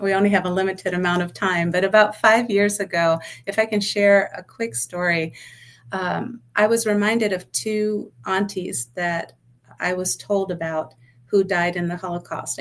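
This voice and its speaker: A woman from New York City, past sixty, talking as a podcast guest, warm and grateful, pausing with uhs. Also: mid-range voice. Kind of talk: casual interview talk.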